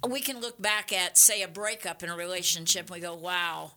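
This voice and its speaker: Bright, forceful middle-aged woman hosting a discussion. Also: lowish voice, fast. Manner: poses rhetorical tag questions. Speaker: host.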